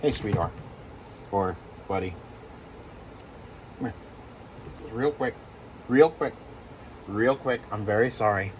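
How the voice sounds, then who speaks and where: Low-voiced rambling man. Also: slow pace, pauses often, slight background noise. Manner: rambling, filler-heavy, coos softly to the geckos. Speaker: reptile breeder. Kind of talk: casual handling vlog.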